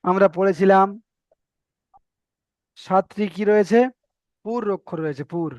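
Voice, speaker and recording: A man's voice: high-pitched, measured pace, dry recording, muffled recording. A man teaching Arabic letter pronunciation in an online lesson, patiently drilling and correcting students. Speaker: Quran reading teacher.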